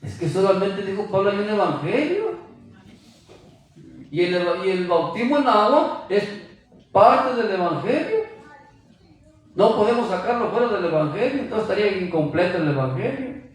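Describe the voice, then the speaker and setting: A man preaches a sermon with emphasis, peppering his listeners with rhetorical questions. His voice sits high and is expressive at a normal pace. He's recorded from a distance in a very echoey room.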